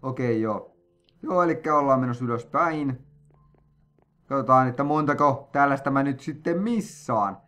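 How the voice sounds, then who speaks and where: A man giving let's-play commentary on his own gameplay, excitable and jokey, breaking into sudden yelps and sing-song noises. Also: medium pitch. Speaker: gamer playing a player-made map.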